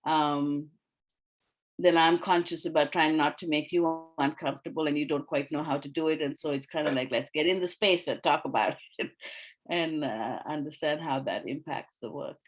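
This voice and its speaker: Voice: medium pitch, fairly even intonation, normal speed, dull audio. A facilitator from Sri Lanka leading an online workshop discussion over a video call, speaking thoughtfully with frequent fillers and restarts.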